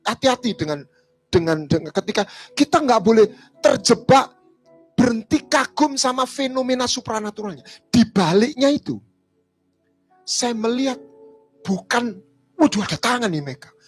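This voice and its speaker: A male pastor preaches in a lively, storytelling way. His pitch rises and falls widely as he moves between loud declarations and hushed asides. Soft music plays faintly behind him. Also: moderate pace, long pauses, husky. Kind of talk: sermon.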